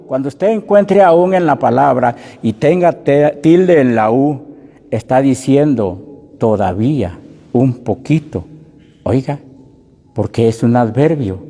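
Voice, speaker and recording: A man delivers a sermon in a long, ringing reverb, and his voice sits fairly high but sounds mellow and dark. He speaks to his listeners as brother and sister. He slows down to stress the scripture he reads aloud. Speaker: preacher.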